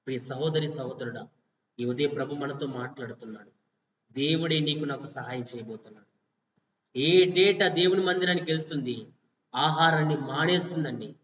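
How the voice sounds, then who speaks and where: A man preaching a fasting-prayer sermon, firing repetitive rhetorical questions at listeners and swinging between loud exhortation and quiet passages. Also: on the high side, a little hiss or hum. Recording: distant, echoey, dull lo-fi.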